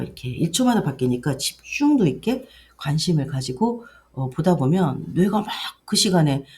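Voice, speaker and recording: A middle-aged woman, a daycare director, earnestly explaining her program to parents, with sentence ends that trail off softly. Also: deep voice. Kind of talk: education briefing for parents.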